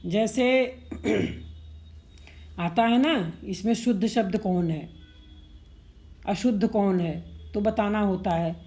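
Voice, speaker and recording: A woman with a warm, medium-pitched voice teaches Hindi synonyms and spelling for exams in an explanatory prep lesson. She speaks slowly, pausing often, repetitively drilling word pairs and checking in with frequent "ठीक है".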